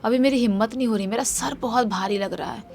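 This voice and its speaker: A woman's voice: a little high, fast talker, creaky, a little mellow, soft background music. A woman voicing a tired young man who would rather rest in his hotel room, in a spoken horror story. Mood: weary. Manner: weary, reluctant.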